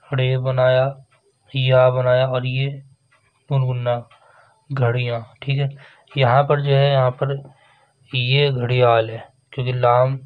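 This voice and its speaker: A man gives a slow, patient Urdu writing lesson, naming each letter as he draws it and checking in with "theek hai" over and over. His voice stays level and unhurried, and the recording sounds dull and lo-fi. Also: mid-range voice. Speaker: Urdu teacher.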